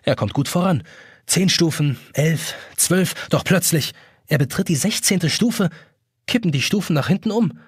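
A man's voice: a little high, lively intonation, moderate pace, breathy edge, no echo, clean studio sound. A man reading an audiobook as narrator, telling the story expressively. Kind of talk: scripted narration.

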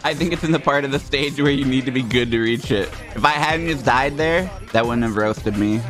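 Young male streamer, mid-pitched, wry and self-deprecating, curses freely, faint music under him. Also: fairly quick, a bit bright. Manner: sarcastic, self-mocking, swears freely. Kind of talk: casual gameplay commentary.

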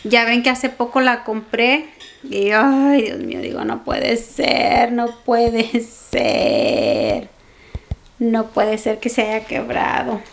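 A woman's voice: on the high side, huge pitch swings, takes it slowly. A woman in her forties chatting to her viewers in a casual home vlog, exclaiming as she goes. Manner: chatty, exclaiming, addresses viewers as "mis chicas". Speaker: vlogger. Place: home kitchen and dining room, indoors. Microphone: camera on tripod and handheld camera. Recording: home vlog with clear kitchen clatter.

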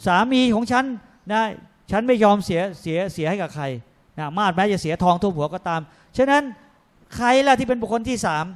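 A man lecturing on a religious panel in a lively, joking way, acting out people's voices in his stories. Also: high voice, fairly quick. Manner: often tags sentences with polite particles. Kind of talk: religious panel talk to an audience.

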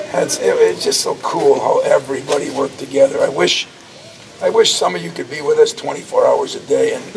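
A very gravelly, raspy man in his sixties with a slightly high pitch talks into a cluster of reporters' handheld mics. He answers questions as a coach, emphatic and full of anecdotes. The hallway around him is loud and busy, and his voice is caught from a step away. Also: far from the mic, a little hiss or hum, low-quality recording. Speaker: college basketball coach. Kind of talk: post-game press scrum. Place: crowded indoor hallway outside a locker room. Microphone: cluster of reporters' handheld mics at close range.

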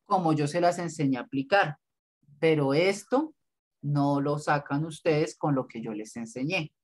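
A man's voice: on the high side, a little slow. Blunt male teacher. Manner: blunt, corrective, lecturing. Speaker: design teacher. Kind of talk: online class feedback.

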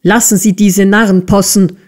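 A woman voicing a brutal male schoolmaster who shouts, sneers and bullies, in an audiobook reading. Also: a little high, measured pace, voice pushed up, close to an everyday voice. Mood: raging.

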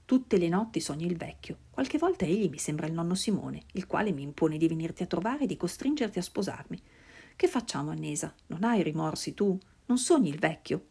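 A woman's voice: on the low side, animated, fairly quick, vocal fry, a little mellow, husky, full character voice. A woman voicing a guilt-ridden aging man in a storybook reading, tormented and pleading.

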